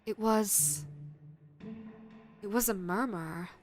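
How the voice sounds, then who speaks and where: A woman reading a scripted creepypasta horror narration in a measured way, with dramatic pauses. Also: mid-range voice. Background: background music.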